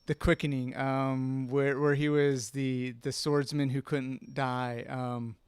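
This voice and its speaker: A man's voice: medium pitch, level tone, slow, darkish tone, clear, resonant tone, no echo. A man chatting casually on a podcast, rambling and searching for words, often breaking into laughs. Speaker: podcast co-host. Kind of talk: casual chat.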